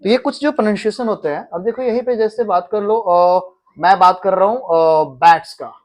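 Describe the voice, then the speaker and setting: A man's voice: sits high, moderate pace. A man, teaching a pronunciation class and often quizzing his students. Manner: repeats words and quizzes students. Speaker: English teacher. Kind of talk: classroom lesson.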